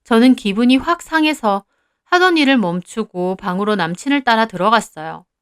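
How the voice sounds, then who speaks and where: A young woman narrating her own story in the first person, in an even, confiding way. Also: fairly high pitch, moderate pace, clear, resonant tone, dry recording, clean studio sound.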